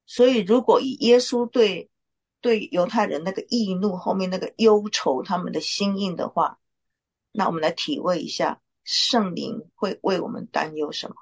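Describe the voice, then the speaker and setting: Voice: mid-range voice, moderate pace, vocal fry, breathy edge. A Bible study leader giving an informal sermon, talking conversationally with frequent filler particles.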